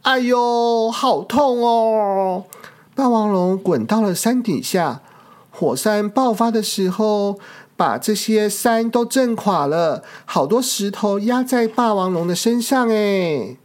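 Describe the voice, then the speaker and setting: A storyteller reading a picture book aloud for small children, gentle and expressive. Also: mid-range voice, unhurried.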